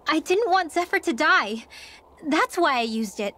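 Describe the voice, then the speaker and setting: A woman's voice: sits high, animated, unhurried, bright, forceful tone, heavily acted. A woman voicing an earnest, guarded young female mage in a video game.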